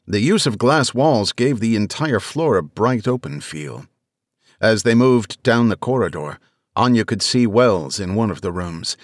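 Low-voiced man narrating an audiobook. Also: no echo, studio quality. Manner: measured, even storytelling.

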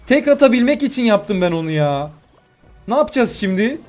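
A young man with a high voice commentates his game matches as he plays, swinging from cheerful chatter to exasperated outbursts aimed at his opponent. Faint music runs behind him. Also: brisk. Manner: excitable, frustrated outbursts, talks to opponent. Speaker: gaming YouTuber. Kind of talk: live gameplay commentary.

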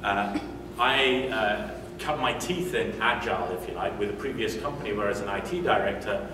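This forties-aged British conference speaker talks at a moderate pace in a lowish voice, conversationally, with many fillers and restarts. He is indoors in a medium-sized hotel meeting room, picked up by a distant room mic, so the sound is echoey and noisy.

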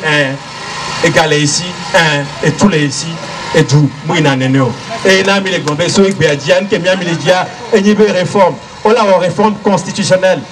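High-voiced Togolese man addressing a rally. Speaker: rally speaker. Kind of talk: political speech to an open-air crowd. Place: open-air rally stage. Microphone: handheld microphone. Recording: noisy outdoor rally sound.

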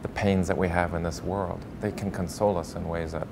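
A man speaking as a priest in a conversational faith discussion, his voice very low. He talks in a gentle, measured, reflective way. A clear background rumble runs under him. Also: level tone.

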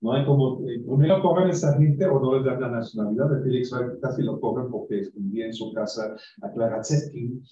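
Brisk and mellow, a man's medium-pitched voice carries a spontaneous academic talk presenting a book at a university conference, with slight background noise. He rambles off topic with many restarts and tag questions, and the live-stream recording sounds roomy, distant, and dull.

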